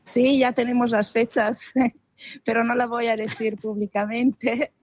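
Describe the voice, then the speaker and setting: A woman's voice: on the high side, flat delivery, measured pace, darkish tone, slightly rough, dull audio. A woman from Italy, answering interview questions expressively with frequent hesitations. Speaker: guest, arts festival founder.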